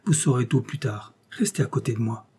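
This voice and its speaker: A man voicing a gracious, composed young woman who speaks with gentle dignity. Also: mid-range voice, brisk, breathy edge. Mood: reassuring.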